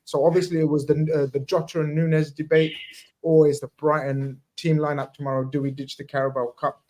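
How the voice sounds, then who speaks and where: A man's voice: fairly high pitch, little pitch movement, fairly quick, warm tone. A man hosting a casual chat, talking in a rambling way with slang and many restarts. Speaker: podcast host.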